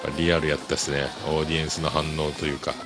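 A man's voice: a bass voice, little pitch movement, rapid-fire. A man rambling easygoingly through a solo podcast, full of fillers. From Kyushu, Japan. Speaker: podcast host. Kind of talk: casual solo podcast talk. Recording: clear background music under voice. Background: music.

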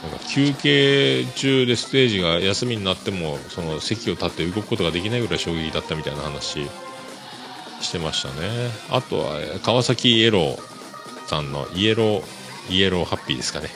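A man's voice: deep voice, expressive, brisk. A man rambling easygoingly through a solo podcast, full of fillers. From Kyushu, Japan. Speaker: podcast host. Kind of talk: casual solo podcast talk. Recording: clear background music under voice. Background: music.

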